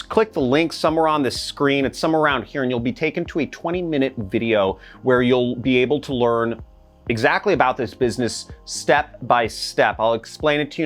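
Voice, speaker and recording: Man, direct-to-camera sales pitch, conversational, persuasive, rhetorical questions, light music behind. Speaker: ad presenter.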